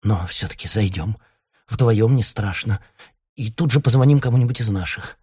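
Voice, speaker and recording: A man voicing a frantic, easily scared young woman in a storybook reading, with shrill panicky cries. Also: normal speed, a little mellow, breathy edge, no room sound, clean studio sound. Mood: flustered.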